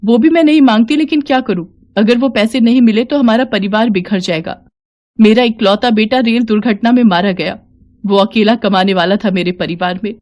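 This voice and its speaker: A woman voicing a poor, grieving middle-aged mother who pleads quickly in a raised voice. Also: fairly high pitch, darkish tone, natural voice. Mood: pleading.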